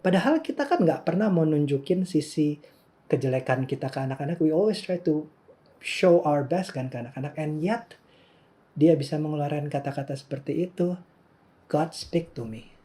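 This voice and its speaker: A man in his thirties preaches a sermon in an easy, conversational manner, dropping English phrases into his talk. His voice sits somewhat high, yet its tone stays mellow and relaxed. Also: moderate pace. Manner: casual, mixes Indonesian with English phrases. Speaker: pastor.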